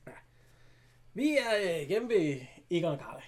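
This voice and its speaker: A man's voice: high voice, sing-song. A man in casual conversation, eagerly retelling TV scenes and quoting characters, swearing offhandedly. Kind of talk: casual chat retelling TV episodes.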